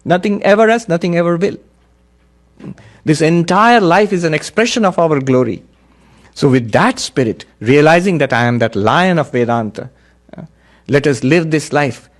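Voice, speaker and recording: A man, a monk, giving an earnest spiritual discourse, telling parables in an unhurried, emphatic way. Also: a little high, lively intonation.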